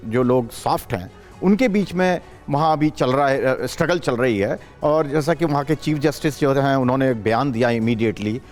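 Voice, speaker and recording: A man commenting as a guest analyst on a live news show, talking in a halting way with many hesitations and restarts. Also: mid-range voice, soft background music.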